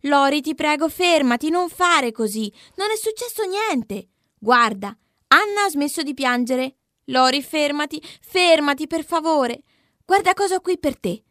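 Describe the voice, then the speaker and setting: A woman's voice: high-pitched, animated, measured pace, fairly bright tone, dry recording, studio quality, voice pushed up. A woman voicing a restless young schoolboy who talks in an urgent, pleading way.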